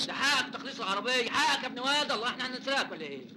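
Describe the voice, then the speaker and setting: A man's voice: extremely high pitch, expressive, racing, noisy background. An actor playing a proud, defiant young working man, with an Egyptian accent and a streetwise manner in a classic film. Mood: brash. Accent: Egyptian Arabic. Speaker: hero of an old film.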